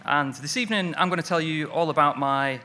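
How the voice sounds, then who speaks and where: Speaking slightly high and brisk, this man from Manchester has a sharp tone, with a faint hiss or hum in the recording. He's a lettering artist on an evening-event stage, delivering a warm, self-mocking conference talk peppered with fillers.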